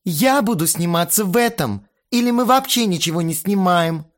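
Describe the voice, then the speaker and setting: A man's voice: sits high, lively intonation, normal speed, pitched above the performer's own voice. A man voicing a capricious, spoiled young actress who whines and insists on her own way in an audiobook. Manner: capricious, whiny.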